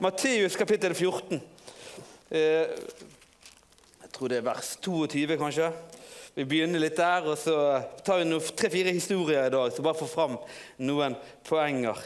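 A man preaching in an informal storytelling way, halting and restarting often. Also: on the high side. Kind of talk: sermon.

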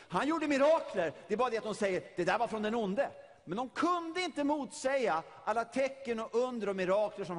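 A man's voice: very high voice, big-room sound. A middle-aged man from Sweden preaching a sermon, retelling a story vividly and often repeating his words.

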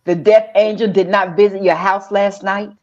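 Female preacher, measured declarative delivery, muffled lo-fi sound. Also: mid-range voice, fairly even intonation, a little mellow. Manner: slow declarative call and response. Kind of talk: sermon.

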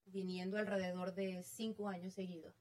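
A middle-aged Venezuelan-accented woman who works as a real estate agent casually tells her story as an interview guest. Her mid-range voice is level and a little mellow, at a normal speed.

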